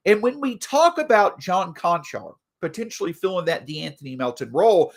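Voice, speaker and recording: A man hosting a solo sports podcast, talking through team news in an animated way, a bit stuffy from allergies. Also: high-pitched, normal speed. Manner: animated, reads an ad mid-show. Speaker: podcast host.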